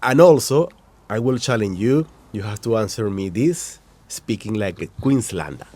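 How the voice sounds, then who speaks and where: A man's voice: on the low side, lively intonation, dark tone, no room sound. Latin American Spanish-accented man hosting a chat. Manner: halting, searching for words, frequent restarts. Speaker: host. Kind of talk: casual interview chat. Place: inside a shop.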